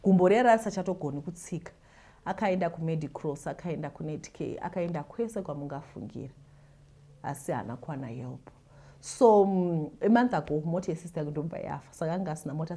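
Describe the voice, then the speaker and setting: A low, mellow-voiced woman with a Zimbabwean accent hosts a show, reading listener confessions and dispensing advice. She keeps it casual, repeating words and performing the retold stories.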